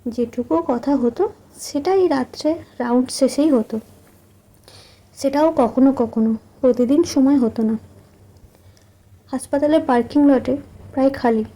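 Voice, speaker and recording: A woman narrates a romantic story in the first person, in a soft, intimate and measured way. Her voice sits high but sounds deeply warm and mellow, never sharp. She reads like a storyteller drawing the listener close.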